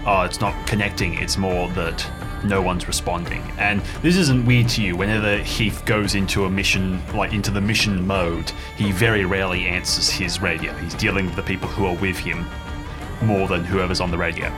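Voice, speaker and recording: A man's voice: sits low, steady tone, moderate pace, over music. A man playing a tabletop game, casually improvising narration of what happens.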